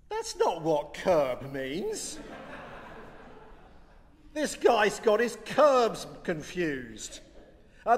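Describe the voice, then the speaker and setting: A man preaching in a large church, telling a story gently and with self-deprecating humour. He speaks slowly in a fairly high voice. A long reverb trails each phrase. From Britain. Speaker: priest. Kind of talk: sermon.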